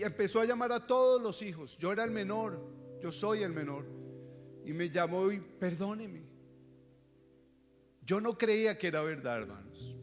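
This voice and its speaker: High-voiced Colombian pastor preaching in a hall. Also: male voice. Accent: Colombian Spanish. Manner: earnest storytelling, dropping to hushed tones and rising to fervent shouts. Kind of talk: sermon testimony. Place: church service. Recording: reverberant hall with music underneath. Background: instrumental music.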